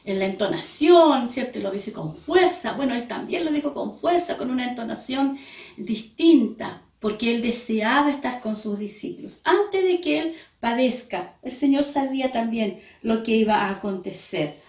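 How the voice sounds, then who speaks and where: Woman preacher, earnest, halting delivery, fairly high voice, echoey church mic from afar. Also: animated, darkish tone. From Chile. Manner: earnest, hesitant with frequent pauses and fillers. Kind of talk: sermon. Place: church hall. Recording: echoey church room from a distance.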